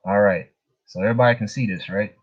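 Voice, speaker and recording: Speaking fast in a lowish, fairly even voice, a man chats casually with his livestream viewers and chuckles between remarks. The stream audio sounds dull and muffled.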